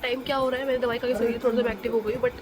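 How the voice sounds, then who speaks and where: A young woman, sick with a blocked nose, chatting casually in a home vlog and scolding loudly at times. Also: on the high side, flat delivery, very fast, noisy background. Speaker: vlogger. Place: at home, indoors.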